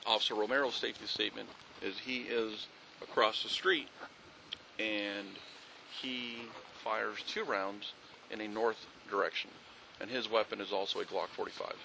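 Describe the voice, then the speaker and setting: A man's voice: fairly low pitch, vocal fry, noisy background. A man, a police officer, giving a methodical, factual incident briefing outdoors at a street scene, with frequent fillers.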